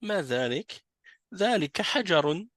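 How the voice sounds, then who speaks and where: A man's voice: sits high, animated, moderate pace, fairly bright tone, no echo. A man teaching an Arabic class in French, patiently explaining and correcting students. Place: mosque classroom.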